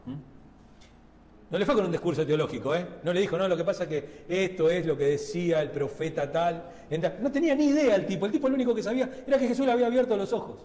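A man's voice: sits high, lively intonation, quick pace, mellow, long reverb tail. A man preaching a sermon in a conversational way, often tagging his points with a questioning "eh?".

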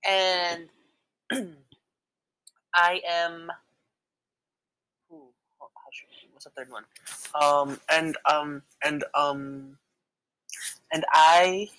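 A woman's voice: sits low, fairly even intonation, drawn-out words, long pauses, a bit bright, clear, resonant tone, no room sound, rough recording. A young woman co-hosting a casual podcast, chatty and hesitant, with lots of fillers. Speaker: podcast co-host. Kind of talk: casual chat game with a friend.

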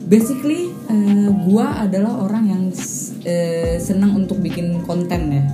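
A woman's voice: mid-range voice, measured pace. A young woman co-hosts a casual podcast, speaking informally and slangily with English words mixed in. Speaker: podcast co-host. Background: music.

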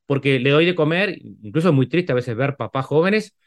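A man's voice: on the high side, lively intonation, brisk. Uruguayan man explaining, full of tag questions. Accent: Rioplatense Spanish, Uruguayan. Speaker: psychologist guest. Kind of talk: casual podcast conversation.

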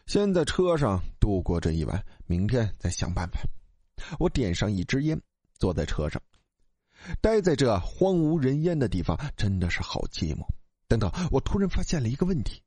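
A man narrates a first-person ghost story with a breathy voice. His pitch moves a great deal, dropping to near whispers and then jumping up. The sound is close and dry. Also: darkish tone, dry recording. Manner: dramatic, swinging from whispers to sudden rises.

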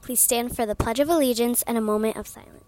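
Fairly high-voiced female school announcer. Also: quick pace, dark tone, a little hiss or hum. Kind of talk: scripted school morning announcements.

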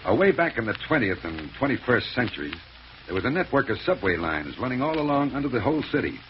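An actor playing a bossy, scheming space villain in an old radio serial, commanding, impatient and clipped. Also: male voice, mid-range voice, sing-song, quick pace, close to an everyday voice. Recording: muffled, hissy old radio broadcast.

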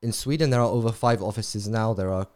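A man being interviewed as a charity representative, explaining in a measured way and sometimes drifting off on tangents. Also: fairly low pitch, a little mellow. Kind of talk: conversational interview.

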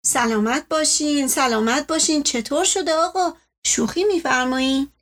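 A woman's voice: high-pitched, close to an everyday voice. A woman voicing a flustered male family doctor who keeps placating his patient. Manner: placating, repeating reassurances.

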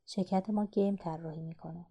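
A woman's voice: fairly low pitch, fairly even intonation, warm tone, slightly rough. A woman reading the part of a boastful young man bragging about his company.

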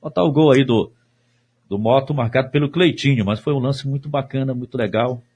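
A Brazilian man hosts a sports chat in a casual way. His voice is husky and medium in pitch. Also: brisk, darkish tone. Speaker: sports show host. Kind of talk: casual interview hosting.

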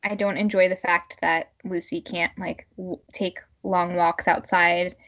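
A woman podcast co-host chatting casually and informally in a halting, filler-heavy way. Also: fairly low pitch, little pitch movement, fairly bright tone, highs cut off.

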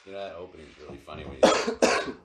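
A man's voice: a bass voice, fast, crowd noise. A man chatting casually as a podcast guest, rambling and swearing through loose anecdotes. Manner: rambling, sweary, heavy use of like and you know. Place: garage. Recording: echoing garage with faint noise.

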